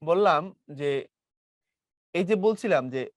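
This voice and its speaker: Male teacher, slightly high voice, chatty online lesson, dry close mic. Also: lively intonation, slow pace, no echo. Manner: chatty, acts out comic quotes, asks and answers own questions.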